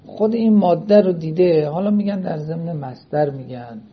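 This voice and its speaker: A man with a husky, slightly high voice teaches a lecture class in the manner of a seminary, asking often whether his students are keeping up. The audio is a dull, lo-fi recording.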